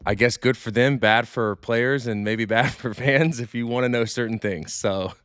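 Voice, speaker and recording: A man's voice: mid-range voice, fairly even intonation, moderate pace, fairly bright tone, smooth, dry recording, studio quality. A man hosting a podcast, a former pro athlete talking in a loose, candid way, swearing now and then and repeating words as he restarts. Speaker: podcast host, former pro baseball player. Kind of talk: casual podcast chat.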